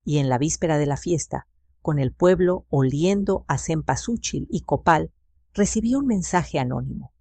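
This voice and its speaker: A woman telling a dramatic first-person story in a steady, even narrating voice. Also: low-pitched, normal speed, no room sound.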